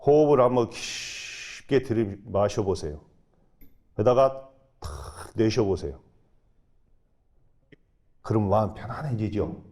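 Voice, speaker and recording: Man, Buddhist monk, temple sermon, low warm voice, emphatic bursts, slow soft meditation guidance. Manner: emphatic, with sudden rises and soft drawn-out instructions. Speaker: Buddhist monk leading a dharma talk. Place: temple dharma hall.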